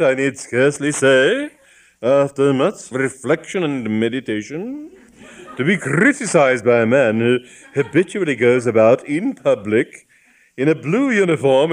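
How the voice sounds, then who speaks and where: A man's voice: medium pitch, pitched above the performer's own voice. A man reading the part of a pompous, genial elderly bishop who speaks in a formal, long-winded way.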